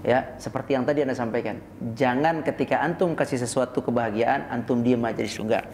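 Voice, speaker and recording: A man giving a casual religious lecture, animated and acting out scenes, often asking rhetorical questions. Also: fairly quick, slight background noise. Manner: animated, acts out scenes with sudden high-pitched shouts; uses frequent rhetorical tag questions. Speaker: Islamic preacher. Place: prayer room in an office tower. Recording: echoey prayer room with long reverb.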